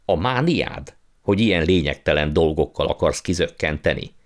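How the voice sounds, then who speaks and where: A man's voice: a bass voice, animated. A man voicing a pompous, blustering old uncle who calls himself a scientist and magician. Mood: lecturing. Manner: blustering, condescending, impatient.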